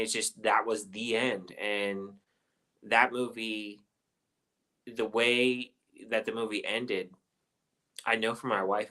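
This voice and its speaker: Bright, forceful man with a lowish voice. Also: poor audio. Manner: loose, rambling delivery with many fillers. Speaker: host of a movie review chat. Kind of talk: casual chat.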